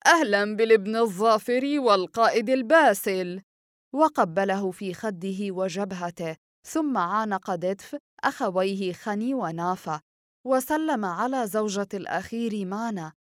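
A woman reading a novel aloud as an audiobook narrator, with steady storytelling. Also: mid-range voice, normal speed, no echo, clean studio sound. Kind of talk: scripted narration.

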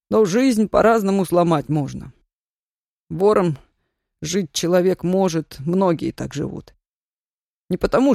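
A reader voicing a stubborn, earnest young Roma man who speaks slowly and weighs each word, in a storybook reading. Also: mid-range voice, gravelly, darkish tone, no room sound, clean studio sound.

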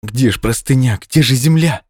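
A man voicing a timid, exhausted hare in an audiobook, speaking quietly. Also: deep voice, very animated, slow pace, breathy edge, no echo, clean studio sound, full character voice. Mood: timid fear. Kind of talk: audiobook character voice.

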